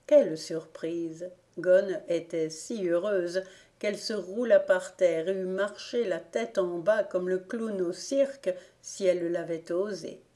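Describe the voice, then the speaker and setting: Slow, mellow woman storyteller. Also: lowish voice, steady tone. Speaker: audiobook reader. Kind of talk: storybook narration.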